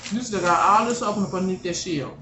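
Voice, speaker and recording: A woman's voice: mid-range voice, fast. A middle-aged woman hosting a casual eating chat with her daughters, blunt and joking in an outspoken way. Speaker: mother and channel host. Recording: echoey room with steady background noise.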